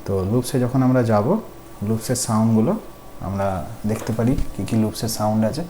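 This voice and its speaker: A man's voice: fairly low pitch, steady tone, fairly quick, warm tone. Patient man teaching coding step by step. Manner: patient, explaining step by step with questions to students. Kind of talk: screen-recorded tutorial. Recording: faint background noise.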